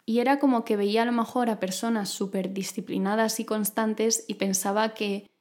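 A woman speaks at an average pitch, with an R that comes from the throat. She hosts in a conversational monologue style, explaining things informally and addressing the listener directly. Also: steady tone, moderate pace, a little mellow. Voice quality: throaty, guttural R. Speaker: podcast host. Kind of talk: conversational self-improvement monologue.

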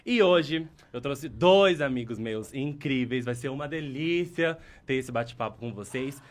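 A man's voice: medium pitch, animated, measured pace, slight background noise. A man with a Brazilian accent hosting a podcast, talking in a playful, campy, teasing way. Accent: Brazilian Portuguese. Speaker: podcast host. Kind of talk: casual podcast chat.

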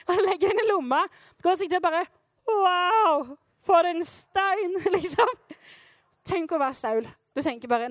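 A woman preaching at a youth meeting, with a high, bright voice and a dry, close sound. She retells the Bible story with playful energy, acts out the characters, and keeps asking her listeners questions. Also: no room sound.

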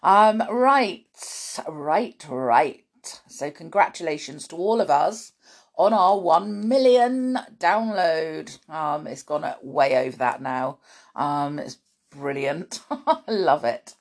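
A woman with a croaky, gravelly morning voice gives a chatty spoken intro to her children's story podcast. She's the host and storyteller, talking slowly with lively pitch, warm and full of asides, ums, and little laughs as she chats with the kids.

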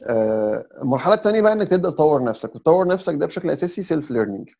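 He's a young Egyptian podcast guest whose slightly high, mellow, gravelly voice races along animatedly in an Egyptian Arabic accent. Chatting casually, he breaks his advice into steps and peppers it with English terms.

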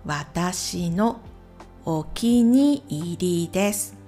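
A woman speaking slowly and clearly in simple phrases, recommending channels with gentle asides. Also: medium pitch. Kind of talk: slow, clear talk for Japanese learners.

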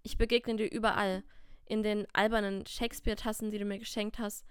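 A shy, tidy young man from a storybook, read by a woman in her own voice. The tone is smooth and clear, recorded dry and close with no room sound. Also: medium pitch, flat delivery, a little fast, no echo, lightly acted. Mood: tender. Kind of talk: reading dialogue in a storybook.

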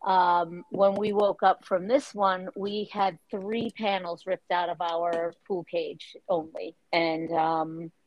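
A woman's voice: on the low side, level tone, slow, hardly any pauses, darkish tone, no echo, rough recording. A woman from Florida hosting a casual podcast chat from a bedroom, talking in a chatty, emphatic way. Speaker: podcast host. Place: niece's bedroom.

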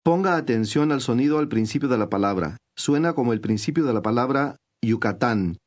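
A man reading scripted instructions for a language course, clear and measured. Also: medium pitch, lively intonation.

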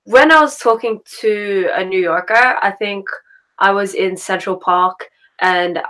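Australian woman, podcast host, casual chat, laughs often, mid pitch. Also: measured pace, pushed and bright, low-quality recording. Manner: chatty, laughs often, repeats words for emphasis.

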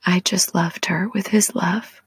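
Slow breathy whispering woman in her forties. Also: on the low side, steady tone, dry recording. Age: 40s. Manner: slow, soft and prayerful, speaks directly to the listener. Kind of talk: whispered devotional and guided relaxation.

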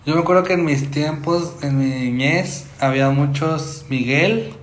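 A man's voice: on the high side, measured pace, echoey room, a little hiss or hum. A man with a Mexican Spanish accent co-hosting a podcast, bantering in casual chat, tossing out names and asking follow-up questions. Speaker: podcast co-host.

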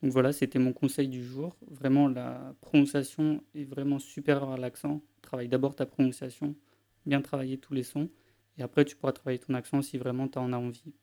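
A young man from France hosting his own language-learning podcast, chatting straight to the listener in a relaxed, informal way. His voice sits in a mellow, darker register, and his pitch stays fairly level throughout. He often restarts phrases and fills gaps with hesitations. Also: brisk. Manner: informal, addresses listener as "tu", many restarts and fillers. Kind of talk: casual solo podcast talk.

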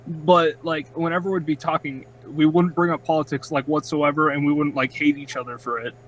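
A man's voice: a little high, fairly even intonation, a little fast, rough recording. A young man co-hosting a podcast, talking casually and rambling with lots of filler words. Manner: rambling, heavy use of "like". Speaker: podcast co-host. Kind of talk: casual chat.

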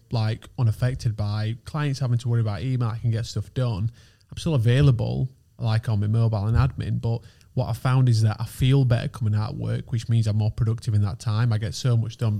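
A man in his thirties who founded an agency rambles chattily as a podcast guest, full of "like" and restarts. His medium-pitched voice is creaky and mellow.

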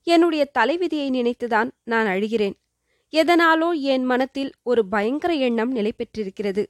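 A woman's voice: fairly high pitch, lively intonation, normal speed, dry recording, clean studio sound, lightly acted. A woman voicing a fearful, tearful young princess in a storybook reading. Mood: sorrowful. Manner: sorrowful, sobbing.

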